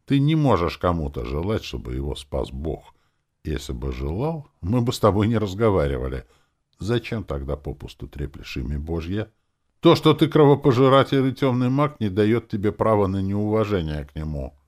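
A man voicing a snarky, sharp-tongued young female demon in an audiobook, grumbling and sarcastic. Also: sits low, big pitch swings, moderate pace, pitched above the performer's own voice. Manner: sarcastic, grumpy, shrieks when upset. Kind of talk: audiobook character voice.

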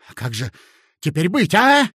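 A man's voice: high voice, huge pitch swings, unhurried, bright, forceful tone, breathy edge, no room sound, studio quality, pitched above the performer's own voice, full character voice. Man doing an agitated, abrupt clerk. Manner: abrupt, demanding. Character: nervous clerk, rattled and brash.

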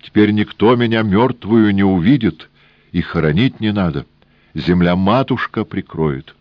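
A man's voice: lowish voice, measured pace, no echo, muffled recording, voice pushed up, natural voice. A man voicing a desperate, defiant young woman who holds a revolver and speaks with fatalistic resolve. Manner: fierce and fatalistic.

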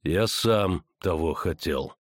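A man voicing a calm young male knight who speaks softly and with steady resolve. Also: no echo, studio quality, natural voice. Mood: resolute. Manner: soft, measured, low delivery.

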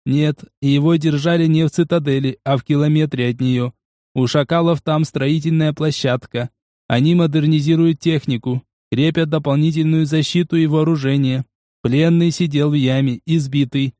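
A man reading a metallic robot, flat and impassive. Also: on the high side, normal speed, no echo, clean studio sound, close to an everyday voice. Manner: flat, unemotional delivery. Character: battered male combat robot, impassive and literal. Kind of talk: audiobook narration.

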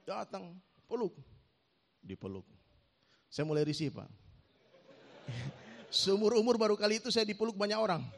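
A man preaching a lively storytelling sermon, giving his own testimony and acting out the dialogue while joking with the audience. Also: high voice, normal speed, gravelly, pauses often, a little hiss or hum.

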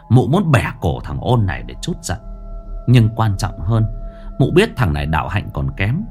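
Lively male horror storyteller. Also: fairly low pitch.

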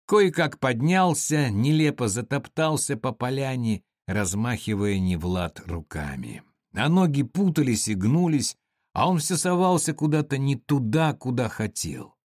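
Guy reading an audiobook, slow and dry, lively voice that rises and falls a lot. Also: mid-range voice, dry recording. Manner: expressive, measured storytelling. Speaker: narrator. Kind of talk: audiobook narration.

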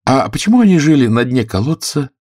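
A man's voice: mid-range voice, very animated, fast, darkish tone, no echo, studio quality, voice pushed up. A man voicing a curious, polite young girl in a storybook, asking eager questions.

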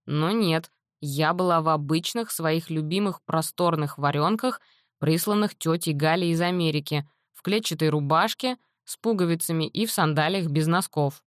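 A woman narrating a novel in the first person with a measured, wry reading. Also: deep voice, dry recording, clean studio sound. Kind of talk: audiobook narration.

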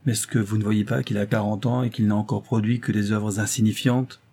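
A man's voice: on the low side, level tone, a little fast, warm tone, husky. A man voicing a stern middle-aged doctor in an audiobook of a novel, speaking coldly, with cutting irony. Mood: scornful. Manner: cold, cutting, ironic.

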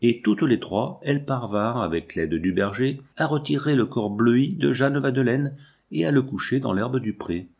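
A man narrating a classic novel as an audiobook, in a measured literary reading. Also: mid-range voice, expressive, a little mellow, husky.

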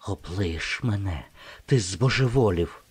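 A man voicing a proud, sharp-tongued young woman in an audiobook, speaking in a hushed, tense way. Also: deep voice, lively intonation, slow, breathy edge, full character voice. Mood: hushed pleading.

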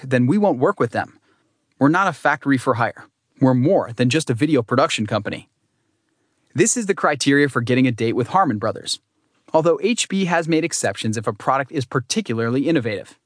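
A man's voice: mid-range voice, no echo. A man reading nonfiction narration with dry, wry humor. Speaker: audiobook narrator.

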